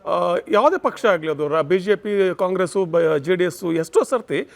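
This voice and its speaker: A man's voice: sits high, lively intonation, normal speed, vocal fry. A man with a Kannada accent, a senior political analyst, arguing emphatically in a TV debate and slipping into English phrases. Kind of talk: debate commentary.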